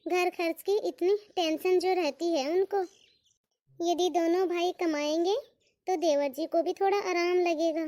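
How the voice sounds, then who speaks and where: A woman's voice: very high voice, steady tone, a little slow, no echo, clean studio sound. A woman voicing a patient, respectful elder daughter-in-law in a cartoon. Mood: gentle. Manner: gentle, dutiful, respectful. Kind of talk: cartoon voice acting.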